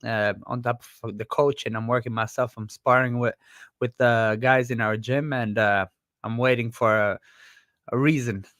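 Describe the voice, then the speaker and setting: A man's voice: medium pitch, fairly even intonation, moderate pace, a bit bright, no echo. Plain-spoken man, dry close sound. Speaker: guest, boxing coach. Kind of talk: casual interview.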